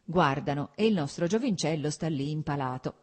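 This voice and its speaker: A woman voicing a merry young male officer who tells gossip with excited exclamations. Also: low-pitched, brisk.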